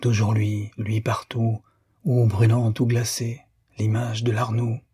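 Male reader voicing a sarcastic young student, mock-polite, husky dark timbre, storybook reading. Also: lowish voice, level tone, slow pace, no room sound, exaggerated voice.

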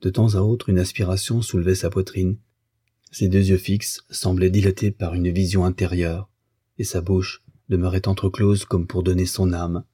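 A man reading a classic novel aloud in a measured, even way. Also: deep voice, husky, dry recording, clean studio sound. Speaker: audiobook narrator. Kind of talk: scripted literary narration.

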